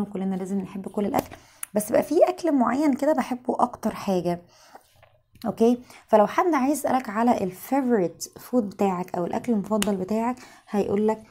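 A woman with an Egyptian accent teaching an English lesson, her voice tired and strained, repeating each word slowly for drilling. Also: mid-range voice, warm tone.

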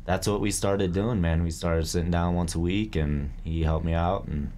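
A man's voice: low voice, steady tone, moderate pace, warm tone, slight background noise. A man in his thirties, a barbershop owner, talking casually and laid-back in an interview, with slang and easy laughs. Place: barbershop, indoors.

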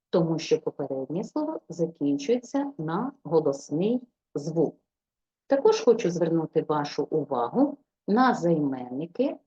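A woman's voice: sits low, warm tone, slightly rough, muffled recording. A woman language teacher giving an online exam-prep lecture, methodically reciting grammatical forms one by one.

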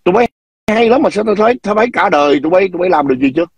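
Very husky, high-pitched scolding man. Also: expressive, rapid-fire, no room sound. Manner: scolding, combative, keeps asking "understand?"; frequent throat clearing. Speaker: livestream host. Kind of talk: ranting livestream commentary. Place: lives in the US.

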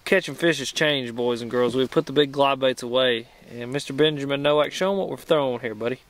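A man hosting a casual fishing vlog from a bass boat on a lake, chatting and joking with viewers. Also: brisk. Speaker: fishing channel host.

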